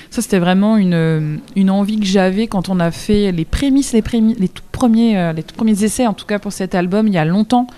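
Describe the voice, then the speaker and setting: A woman's voice: medium pitch, warm tone. A woman musician being interviewed on the radio, talking chattily and enthusiastically, with frequent restarts and easy laughter. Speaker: musician guest.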